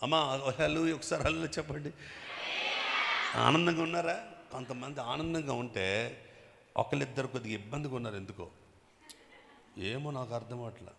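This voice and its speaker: A man preaching a sermon as bishop with a Telugu accent, emphatic, swinging from loud bursts to quiet asides and prodding the congregation with questions. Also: medium pitch, moderate pace, gravelly, pauses often, noisy background. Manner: emphatic, bursts loud then drops soft, prods the crowd with questions. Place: church hall with long reverb. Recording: echoey church hall.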